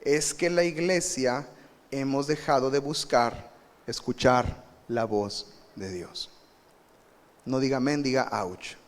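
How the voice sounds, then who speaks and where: A man with a Mexican Spanish accent preaching a live sermon, animated and emphatic, often asking the congregation questions. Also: medium pitch. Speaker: pastor. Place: church sanctuary. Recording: live church recording with long reverb.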